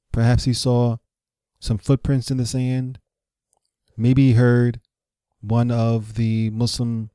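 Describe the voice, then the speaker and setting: Mellow-voiced man telling history. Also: mid-range voice, smooth, no echo, studio quality. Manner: conversational, rhetorical questions, speculative asides. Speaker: history teacher. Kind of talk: storytelling history lecture.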